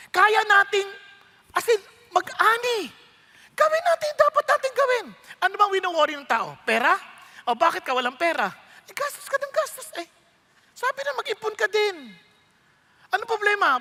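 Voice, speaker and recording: A male pastor delivers a lively sermon at a very high pitch, with a bright, forceful voice. He tells stories, acts out voices, and often asks his listeners questions. The sound carries a long reverb, as in a church hall.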